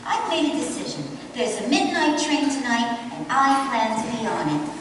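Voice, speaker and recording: A coy, glamorous young woman, played by a woman, speaking in a high, lively voice. She sounds breezy in a live radio play. The voice is heard from afar in an echoing hall. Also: normal speed, background noise. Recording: echoey hall from far off.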